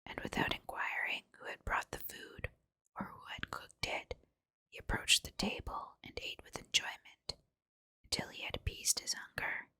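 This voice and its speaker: Whispering woman reading a fairy tale. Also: pushed and bright. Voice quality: breathy whisper. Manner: storybook fairy tale narration, measured and deliberate. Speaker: host and reader of fairy tales.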